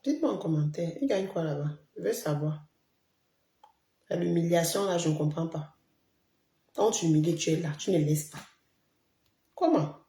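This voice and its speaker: A woman's voice: deep voice, moderate pace, pauses often, mellow, echoey room. A woman hosting a casual live stream, chatting and putting questions to viewers. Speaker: livestream host. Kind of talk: casual live commentary, reading viewer comments.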